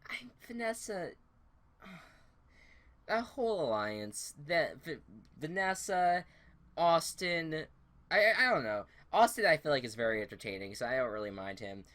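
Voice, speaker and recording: A man's voice: a little high, unhurried. A young man co-hosting a podcast, recapping events in a loose, rambling way with lots of restarts and self-corrections. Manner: animated retelling that acts out quotes. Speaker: podcast co-host. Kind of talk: casual TV show recap.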